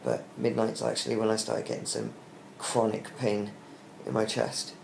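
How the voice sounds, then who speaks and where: A young British man speaks in a low, creaky voice, weak and worn out after surgery. His casual video diary comes out halting and subdued, on short breaths. The room around him sounds echoey. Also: level tone. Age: young adult. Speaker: vlogger giving a recovery update. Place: small hospital room, lying in bed. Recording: roomy echo with faint background hiss.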